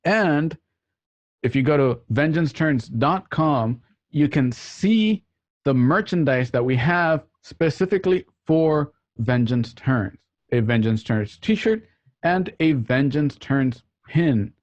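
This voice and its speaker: An expressive man with a slightly high voice speaks slowly as he bids his online radio play show's listeners a casual, jokey, meandering goodbye. He's on a remote group call from home, in a dry recording missing the high frequencies.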